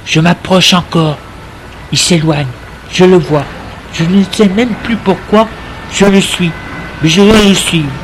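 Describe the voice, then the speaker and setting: A man reading a first-person story aloud in a slow, intimate, tense way. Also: high voice, steady tone, a little hiss or hum.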